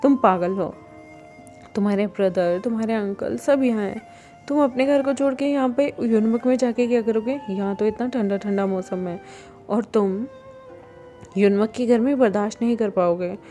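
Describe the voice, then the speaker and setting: A woman voicing a playful young man who teases and scolds gently. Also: on the high side, normal speed, soft background music, lightly acted. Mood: chiding.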